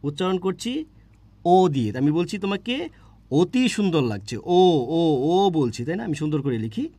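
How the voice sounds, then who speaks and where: A man's voice: a little high, very animated, normal speed, warm tone, slightly rough, dry recording. A man teaching a grammar class online, repeating points and asking questions he answers himself. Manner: repetitive, asks questions and answers them himself.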